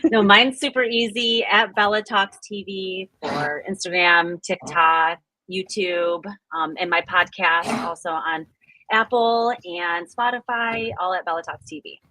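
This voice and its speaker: A woman's voice: fairly low pitch, fairly even intonation, measured pace, bright, forceful tone, slight background noise, rough recording. A woman guest in a casual chat, enthusiastic and gushing.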